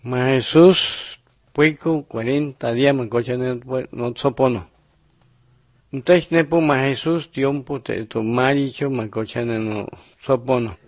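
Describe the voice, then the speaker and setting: A man narrating numbered Bible picture lessons in a steady, measured reading style. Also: mid-range voice, no room sound. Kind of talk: scripted religious narration.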